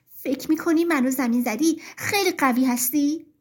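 A woman voicing a bold young boy who loudly challenges the forces of nature in a storybook. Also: high-pitched, expressive, a little hiss or hum. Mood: challenging. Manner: challenging questions, raised voice.

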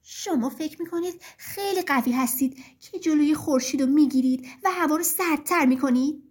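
A woman voicing a bold young boy who loudly challenges the forces of nature in a storybook. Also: high voice, lightly acted. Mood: challenging. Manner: challenging questions, raised voice.

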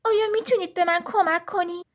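A woman voicing a small, cold and hungry lark that pleads in a high, small voice in a storybook tale. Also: steady tone. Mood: pleading.

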